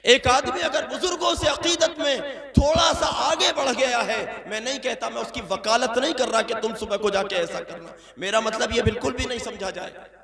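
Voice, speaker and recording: Male preacher, North Indian Urdu-Hindustani accent, very high gravelly voice, mocking rhetorical sermon, booming long-reverb hall. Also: moderate pace. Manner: rhetorical, mocking questions, swings from quiet to shouting. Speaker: Islamic preacher. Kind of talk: impassioned sermon at a public gathering.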